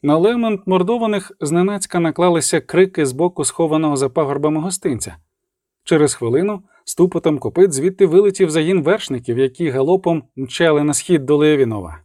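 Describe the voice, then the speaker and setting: A man narrating an audiobook in a steady dramatic reading. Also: on the high side, brisk, no echo, studio quality. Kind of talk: scripted narration.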